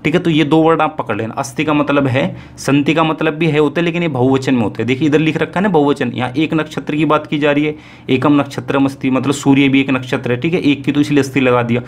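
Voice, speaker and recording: A man teaching an exam-prep lesson in a casual, friendly way, checking in often and slowing down to read passages aloud. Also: a little high, steady tone. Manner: friendly, repeats "ठीक है" often, slows to read Sanskrit aloud.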